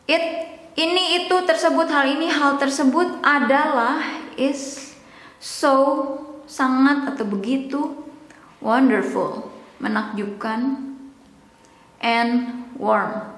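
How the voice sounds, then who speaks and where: High-voiced woman teaching in an echoey room. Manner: explains slowly, repeating words and joking. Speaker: English teacher. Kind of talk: casual language lesson. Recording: echoey room with long reverb.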